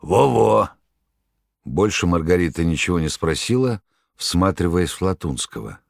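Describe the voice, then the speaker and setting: A male narrator reading an audiobook in a measured, steady way. His voice is very deep and low, heard close and dry with no room around it. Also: dry recording.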